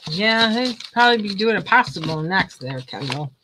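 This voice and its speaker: An older woman hosts a casual craft livestream, chatting in a rambling way while she crafts and laughing often. Her medium-pitched voice has lively intonation at a normal speed, and the home recording is noisy.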